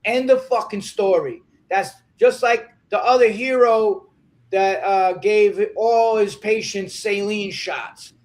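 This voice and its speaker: A man's voice: high voice, steady tone. A man speaking as an interview guest, ranting angrily and swearing heavily. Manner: angry, profane, rapid ranting. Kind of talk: heated interview talk.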